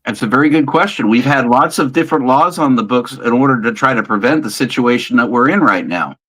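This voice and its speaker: Halting middle-aged man with a sharp voice. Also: mid-range voice, lively intonation, low-quality recording. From California. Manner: halting, many restarts. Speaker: guest. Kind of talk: casual live chat.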